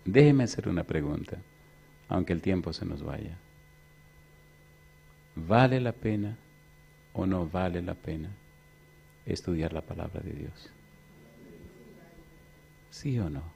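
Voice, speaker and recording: A preacher giving a sermon, firing repeated rhetorical questions at his audience and swinging from loud declarations to quiet, slower passages. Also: low voice, animated, creaky, husky. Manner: tells homey personal stories with humor.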